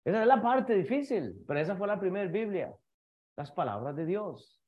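A man's voice: sits high, sing-song, moderate pace, dull audio. A male pastor preaching an emphatic sermon, repeatedly calling on his congregation and often restarting his phrases.

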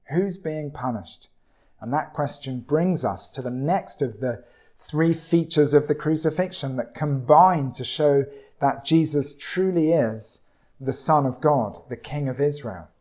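A man preaching a sermon in a slow, deliberate way, with dramatic pauses. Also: on the high side, a little mellow.

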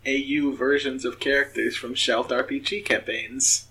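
A man chats in a relaxed, rambling way with a mid-range voice. A faint hiss sits under his recording. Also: mid-range voice, normal speed, gravelly, rough recording. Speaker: podcast guest. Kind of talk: casual chat.

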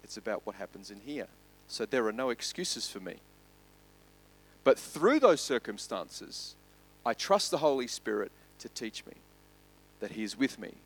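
Pastor guy preaching, gets loud then goes real quiet and slow on the big points. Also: mid-range voice, sing-song, husky. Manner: emphatic, rising loud on lists, dropping soft and slow on key points. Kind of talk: sermon.

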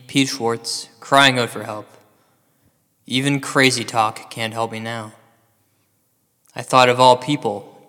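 A man's voice: mid-range voice, pushed and bright. An actor playing a paranoid, self-pitying paranormal radio host in an ominous late-night storytelling style, rambling and half-joking in his drama. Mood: despairing, bitter. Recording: long hall-like reverb.

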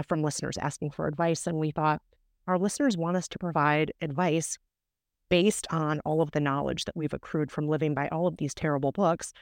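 Low, dry-sounding encouraging woman. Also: darkish tone, dry recording. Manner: emphatic, encouraging, repeats for emphasis. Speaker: podcast guest, podcaster. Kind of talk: explanatory interview talk.

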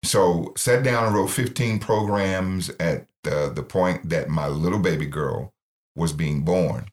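A man's voice: sits low, unhurried. A middle-aged man, founder of a ministry, earnestly telling his life story in an interview and acting out the voices he quotes. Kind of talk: personal testimony in interview.

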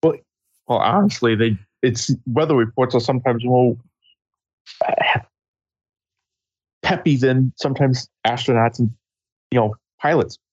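A man co-hosting a casual film discussion, rambling with halting restarts, on a dull lo-fi recording. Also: medium pitch, darkish tone, breathy edge, dry recording.

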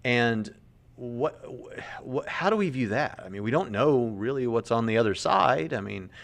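This medium-pitched, somewhat creaky male voice is animated but a little slow. He's in his late thirties, talking earnestly and conversationally over a podcast clip in an apologetics commentary and frequently repeating words while he thinks out loud.

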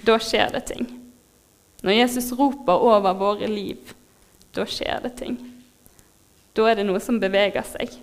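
A woman preaching a sermon in a heartfelt, moved way, pausing with fillers as she speaks. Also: mid-range voice, fairly even intonation. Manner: heartfelt, moved, laughs softly, pauses with fillers.

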